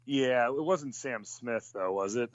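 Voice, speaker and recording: A man's voice: mid-range voice, unhurried, dry recording. Guy who races cars rambling on with tons of ums, muffled lo-fi audio, dry. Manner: rambling, full of fillers and restarts. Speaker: racing driver. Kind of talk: casual chat. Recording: dull lo-fi sound.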